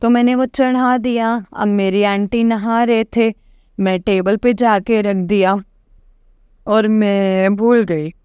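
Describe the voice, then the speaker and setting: A woman recounts a devotional testimony in a slow, unhurried delivery. Her voice is smooth and clean and sits close and dry, with no room around it. She meanders and hesitates with fillers, often turning to address the gathered listeners. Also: a little high, fairly even intonation, darkish tone, no echo. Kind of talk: rambling personal testimony to a congregation.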